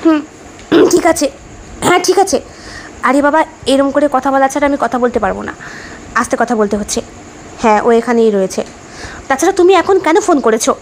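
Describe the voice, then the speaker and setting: Lively quick young wife in an audio story, woman reading, high voice, emphatic. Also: slight background noise.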